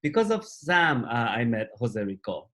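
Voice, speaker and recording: A man's voice: mid-range voice, big pitch swings, normal speed, a bit bright. A man, a film director, chatting casually and introducing friends over a video call.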